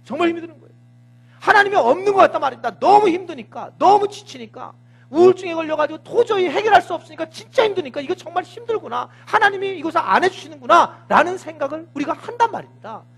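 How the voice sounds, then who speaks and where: A man's voice: extremely high pitch, expressive, fast, gravelly, a bit bright. A man, a senior pastor, preaching a Sunday sermon with vivid storytelling, sound words and acted dialogue.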